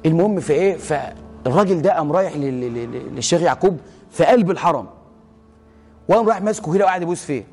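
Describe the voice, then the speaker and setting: Man, Egyptian accent, sermon storytelling, high pitch, long echoing reverb. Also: very fast, slightly rough. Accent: Egyptian Arabic. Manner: animated storyteller, acts out dialogue, swears oaths for emphasis. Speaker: preacher.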